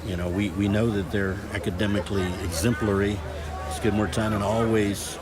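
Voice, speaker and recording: Livestreaming a football scrimmage outdoors on his phone camera, a middle-aged man keeps up loud, joking sports chat over crowd noise. His voice is on the low side, delivered flatly and fairly quickly.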